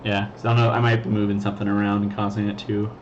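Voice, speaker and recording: A man's voice: lowish voice, completely flat delivery, very fast. A man co-hosting a casual hobby stream, chatting in a laid-back, slangy way and laughing often. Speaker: co-host. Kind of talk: casual chat. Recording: dull lo-fi sound, faint noise.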